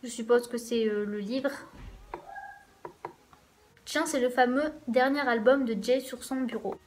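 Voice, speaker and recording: A woman's voice: a little high, a little slow, a little hiss or hum. A woman hosting a let's play, reading a visual novel's first-person narration aloud in a casual way with wry asides.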